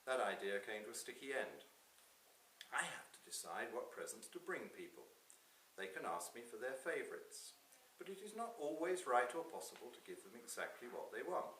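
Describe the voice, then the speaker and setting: A man's voice: medium pitch, big pitch swings, moderate pace, fairly bright tone. A man voicing a grave, dismissive Santa who admonishes his visitors in a satirical Christmas story read aloud. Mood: grave, firm. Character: stern, weary Santa lecturing petitioning politicians. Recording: roomy, distant microphone, clear hiss.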